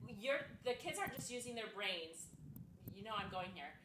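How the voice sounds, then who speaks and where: A woman's voice: medium pitch, animated, normal speed. A woman hosting a casual live panel chat, talking earnestly and enthusiastically about family life. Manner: earnest, enthusiastic, faith-minded. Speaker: host. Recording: echoey room, far from the mic, background noise.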